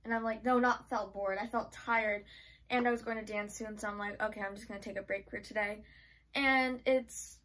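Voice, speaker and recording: A woman's voice: mid-range voice, steady tone, normal speed, a bit bright, distant mic, low-quality recording. A woman vlogger chatting casually through a try-on haul, filling her talk with frequent "like". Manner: chatty, filler-heavy with frequent "like". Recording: voice from away from the mic.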